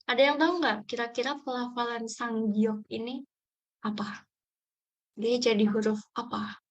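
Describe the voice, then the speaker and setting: A woman's voice: a little high, steady tone, normal speed, rough recording. A young woman teaching a beginner Korean class, patiently repeating each sound several times for her students. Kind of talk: online language class.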